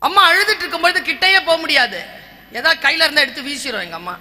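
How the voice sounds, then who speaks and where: A woman's voice: high-pitched, animated, fast, pushed and bright. A woman in her forties, a teacher and guest speaker, giving an emphatic church talk and listing points in short, punchy phrases. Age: 40s. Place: large church hall. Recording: long church-hall reverb.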